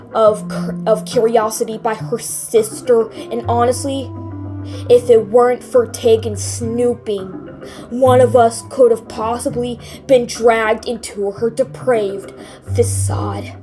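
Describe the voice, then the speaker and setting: High-voiced woman narrating horror over music. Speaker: creepypasta narrator. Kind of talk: scripted horror story narration.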